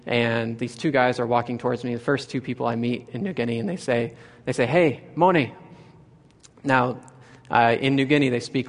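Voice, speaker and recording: A young man from Nebraska giving an earnest storytelling talk, often restarting phrases and lifting his voice for quoted lines. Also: medium pitch. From Nebraska, USA.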